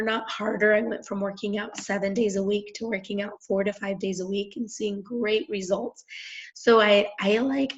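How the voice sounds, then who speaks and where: A young woman with a hoarse, raspy voice, chatting enthusiastically with lots of fillers as she hosts a conference call. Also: mid-range voice. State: hoarse, clearing throat. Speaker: independent promoter hosting a conference call. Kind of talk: casual phone-call presentation. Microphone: phone or conference line. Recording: dull lo-fi conference call audio.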